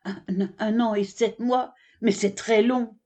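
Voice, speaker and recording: A woman's voice: a little high, lively intonation, moderate pace, mellow. A woman voicing a polite, distinguished male camel who stammers when cornered, in a children's storybook. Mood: flustered. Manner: hesitant, stammering.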